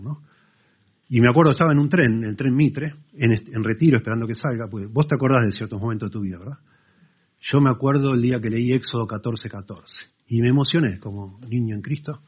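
Husky Argentine pastor preaching. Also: male voice, on the low side. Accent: Argentine Spanish. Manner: conversational storytelling, animated asides to the congregation. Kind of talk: sermon. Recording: dull lo-fi sermon recording.

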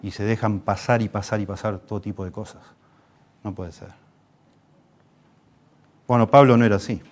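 A man's voice: on the low side, steady tone, moderate pace. A man with a Rioplatense Spanish accent preaching a sermon, impassioned, pushing his voice up for emphasis and restarting phrases as he goes.

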